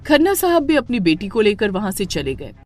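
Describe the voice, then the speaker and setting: A woman reads the narration of an animated family tale. Her mid-pitched voice moves with lively expression, and soft music plays underneath. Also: fairly quick. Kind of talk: scripted storybook narration.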